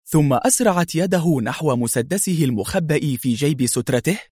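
A man reading a thriller story aloud with dramatic, expressive narration. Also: on the high side, moderate pace, breathy edge, no room sound, clean studio sound.

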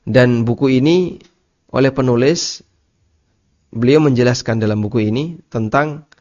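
A man giving a religious study lecture, explaining slowly, repeating key terms and asking listeners rhetorical questions. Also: mid-range voice, darkish tone. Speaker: Islamic teacher. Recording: dull lo-fi lecture recording.

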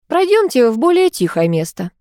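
A measured, formal male king speaks to settle the room, as a woman narrating an audiobook puts him on. His delivery stays level and placating. The recording is close and dry. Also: on the high side, sing-song, mellow, no room sound, voice pushed up. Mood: composed. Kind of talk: audiobook character voice.

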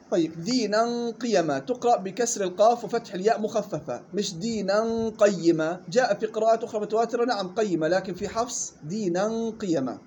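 A man teaching Quran recitation rules. He models the words slowly and quizzes his students. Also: sits high, a little mellow, lo-fi sound, slight background noise. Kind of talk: tajweed lesson.

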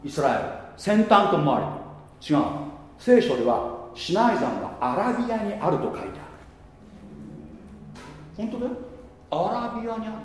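A male pastor preaches at a normal speed in a fairly high, animated voice that leaps up and drops away, pausing often. Between casual asides he keeps tossing rhetorical questions to the congregation, his words ringing through a large, echoey hall with a long reverb tail.

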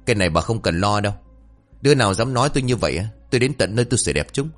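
A man's voice: on the low side, expressive, rapid-fire, faint music behind, lightly acted. A man voicing a stubborn, arrogant middle-aged father who dismisses complaints. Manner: dismissive, blustering.

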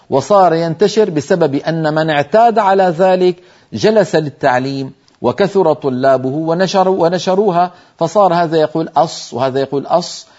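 An older man with a slightly high voice teaches recitation in a broadcast lesson. He explains with patient emphasis and voices single letters to show how they sound. The audio is dull and lo-fi. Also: a little mellow.

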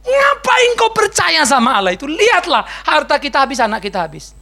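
A man voicing an angry, scornful woman who shouts shrilly at her husband. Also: high-pitched, sing-song, a little fast, vocal fry, voice pushed up, exaggerated voice. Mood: furious, scornful. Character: Job's wife, furious, scornful woman.

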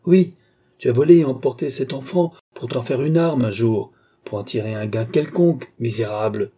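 A man's voice: medium pitch, unhurried, breathy edge. A man playing an enraged young nobleman. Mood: accusing. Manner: raging, accusing, shouting at times. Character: furious young male nobleman seeking revenge.

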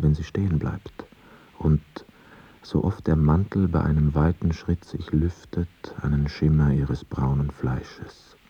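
An actor narrating in first person as a young man back from war captivity, in a calm, reflective radio drama telling. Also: deep voice, breathy edge. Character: male narrator Gabriel, a returned soldier. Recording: slightly dull radio studio recording.

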